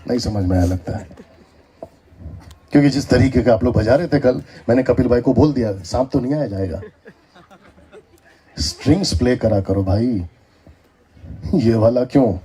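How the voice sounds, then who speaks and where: A man with an Indian accent giving a lively sermon in a church hall, teasing the crowd and calling for answers back. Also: mid-range voice, moderate pace, pauses often. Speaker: preacher. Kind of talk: sermon with call-and-response.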